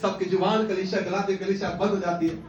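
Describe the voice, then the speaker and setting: A man's voice: high-pitched, level tone, fast, darkish tone. A male pastor preaching a fervent sermon, calling out hallelujahs and questioning his congregation. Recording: echoey, distant mic, dull sound.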